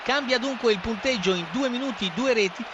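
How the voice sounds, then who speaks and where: Male football reporter, very high register, live radio updates, noisy line. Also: a little fast, highs cut off, crowd noise. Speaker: football commentator. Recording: clear background noise.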